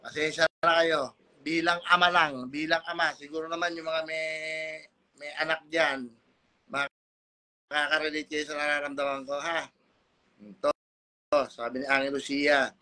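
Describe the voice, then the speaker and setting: A middle-aged man speaks into a computer mic on a live stream, aggrieved and calling out his critics. His voice sits high and bright for a man. He presses his point with repeated rhetorical questions. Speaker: livestream host. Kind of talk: ranting livestream talk.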